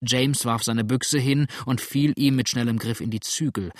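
Expressive male audiobook narrator, dry sound. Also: medium pitch, normal speed, no room sound. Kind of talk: scripted narration of a classic novel.

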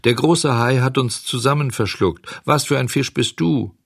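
A man doing a hoarse, resigned old dolphin. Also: medium pitch, moderate pace, dry recording, clean studio sound, pitched above the performer's own voice. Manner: calm, philosophical.

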